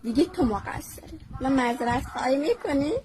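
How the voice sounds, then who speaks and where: A woman's voice: high-pitched, background noise. A woman speaking in a social media clip.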